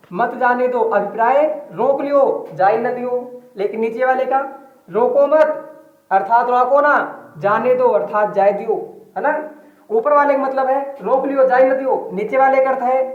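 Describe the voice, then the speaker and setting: A woman teacher giving a grammar lesson, repeating examples slowly and asking the class questions. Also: fairly high pitch. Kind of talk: online Hindi grammar lesson. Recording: tinny phone-like audio in an echoey room.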